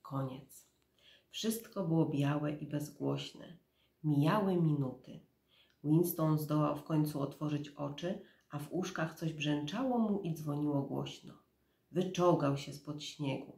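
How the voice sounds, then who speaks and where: Soft-spoken mother reading a storybook. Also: sits low, a little slow, creaky, reverberant.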